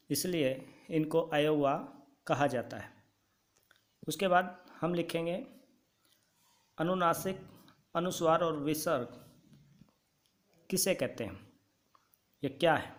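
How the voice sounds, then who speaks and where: A male teacher giving a grammar lesson, dictating notes slowly and repeating key points for students to write down. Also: on the high side.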